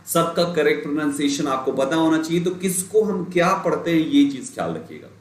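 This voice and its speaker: A young adult man teaching an exam-prep English lesson in a chatty way, speaking straight to his students and repeating key points. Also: medium pitch. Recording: roomy echo.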